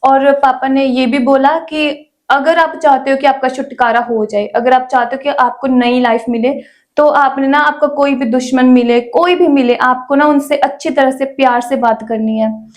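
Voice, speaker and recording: A young woman telling her personal faith testimony in a relaxed, chatty interview, with many small fillers. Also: high-pitched, normal speed. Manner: chatty storytelling with frequent "ना" fillers. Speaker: guest sharing her testimony.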